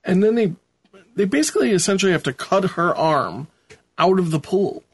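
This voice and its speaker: A man's voice: high voice, lively intonation, moderate pace, slightly rough, no room sound. A man hosting a podcast, recapping a show in casual, rambling conversation. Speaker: podcast host. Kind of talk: casual episode recap chat.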